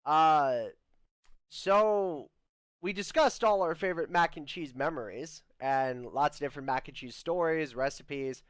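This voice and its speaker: A young man hosts a comedy skit, speaking slowly in a clear, smooth voice. He stammers and restarts his sentences often. The sound is close and dry, with no room around it. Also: fairly high pitch, no echo. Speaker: host. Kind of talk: comedic scripted podcast skit.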